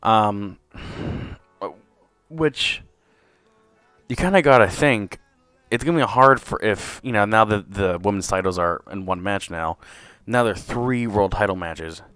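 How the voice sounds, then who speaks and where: A man hosting a solo podcast review, talking casually with lots of fillers and swearing, his voice a bit hoarse. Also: fairly low pitch, normal speed, a bit bright, dry recording, faint music behind. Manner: rambling, profane, with many fillers. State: slightly hoarse. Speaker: podcast host.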